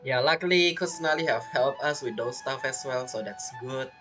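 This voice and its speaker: Over faint game music, a woman with an extremely low voice plays a video game at a moderate pace, offering casual, playful commentary as she teases and reacts to the dialogue.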